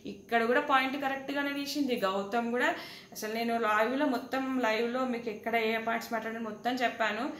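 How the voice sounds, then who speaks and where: A woman reviewing a reality show in casual, animated talk, addressing the contestants directly. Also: fairly high pitch, a little fast. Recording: echoey room with faint background noise.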